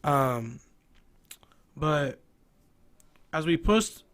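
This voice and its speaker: A man's voice: on the high side, expressive, very slow, a bit bright, dry recording, studio quality. A man hosting a local sports talk show in a casual, conversational style. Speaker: host of a local high school sports show.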